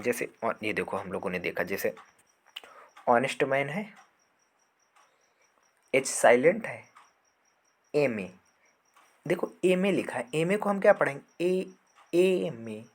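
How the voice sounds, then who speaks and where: A man teaches a grammar lesson to students. He explains patiently and repeats each word and sound aloud. He asks questions and answers them himself. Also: medium pitch.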